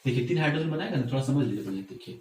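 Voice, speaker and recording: A man's voice: medium pitch, animated, very fast, darkish tone, slight background noise. A male chemistry teacher giving a whiteboard lesson, asking and answering his own questions and checking in with students. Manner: asks and answers his own questions, repeats "theek hai". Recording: echoey room, mic at a distance.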